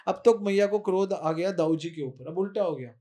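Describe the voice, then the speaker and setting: A man's voice: high voice, fairly quick, warm tone. A man telling a devotional story, chanting verses and explaining them line by line.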